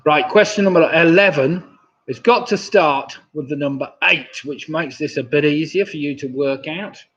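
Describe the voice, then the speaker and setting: Husky older man hosting a pub quiz. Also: a little high, normal speed, a bit bright. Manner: chatty, chuckling at viewers' jokes. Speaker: quizmaster. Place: home room, indoors. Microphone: webcam mic, seated at desk. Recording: dull lo-fi webcam audio.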